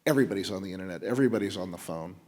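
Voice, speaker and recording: A man's voice: deep voice, rapid-fire, darkish tone. A man speaks frankly as an art dealer on a panel. He tells anecdotes plainly. His voice trails into a long hall reverb. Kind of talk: panel discussion.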